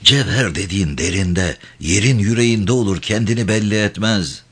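Field: a man murmuring as a calm blind miner father. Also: lowish voice, moderate pace, slightly rough. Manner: quiet, murmured advice.

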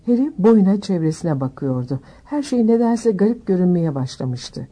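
Husky woman reading a storybook. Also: on the low side. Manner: steady, measured reading. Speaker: audiobook narrator. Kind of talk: storybook narration.

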